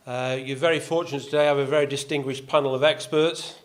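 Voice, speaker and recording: The golf club's vice captain, an older Yorkshire man with a slight accent, talks to an audience in the clubhouse function room. His mid-range voice keeps a steady tone at a quick pace, with dry self-deprecating wit and many "uh" fillers.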